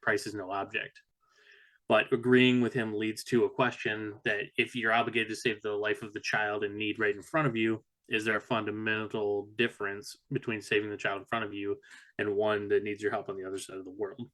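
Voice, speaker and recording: A man co-hosting a casual podcast, talking in a dry, even way as he sets out a thought experiment. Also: fairly low pitch, fairly quick. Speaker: podcast co-host.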